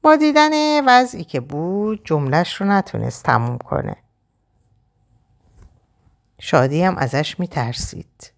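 Woman storyteller, expressive first-person reading; low, lively voice. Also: vocal fry, long pauses.

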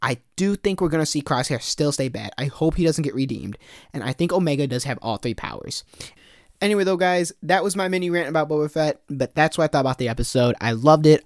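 A man's voice: fairly high pitch, quick pace, darkish tone, no echo, clean studio sound. A man hosting his own review podcast, ranting and swearing a lot, with frequent restarts when he gets worked up. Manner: profane, ranting, swears often. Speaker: podcast host. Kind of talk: casual solo review podcast.

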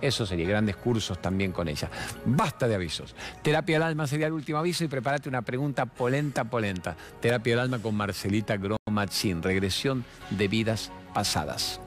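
A man in his sixties with an Argentine accent, hosting a TV talk show in a fast, playful, expressive way that moves from jokes to spiritual reflection. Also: lowish voice, faint music behind. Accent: Argentine Spanish. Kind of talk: chatty monologue with humorous anecdotes and sponsor mentions.

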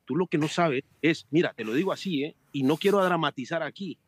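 A man chatting as a podcast guest, telling animated stories, joking and swearing freely over a remote call. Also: a little high, a little fast, breathy edge, dry recording. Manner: animated storyteller, swears, jokes. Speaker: podcast guest, amateur cyclist. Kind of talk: casual chat.

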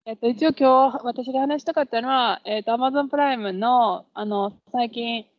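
Woman, Kansai Japanese accent, higher-pitched, informal podcast talk, close dry sound. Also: normal speed, no room sound. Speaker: podcast co-host. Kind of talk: casual podcast chat. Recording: dull, lo-fi audio.

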